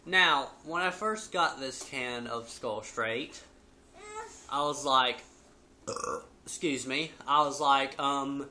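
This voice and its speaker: A man in his twenties chats casually through a product review with chewing tobacco packed in his lip. His voice is bright and mid-pitched, and he takes his time. A faint noise sits behind him in a home living room recording. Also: slow pace, long pauses. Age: 20s. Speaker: video host. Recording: noisy home webcam recording.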